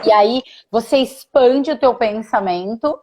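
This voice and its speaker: A woman's voice: a little high, a little slow, a little mellow. A woman guest in a casual live conversation, enthusiastic and explanatory.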